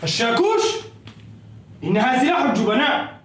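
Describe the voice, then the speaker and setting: A man's voice: very high-pitched, very animated, fairly quick, fairly bright tone, slight background noise, heavily acted. A man playing a grandiose, self-styled Andalusian craftsman and poet who speaks in lofty formal phrases with Spanish greetings. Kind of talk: comedy sketch acting. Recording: echoey room, voice from off-mic.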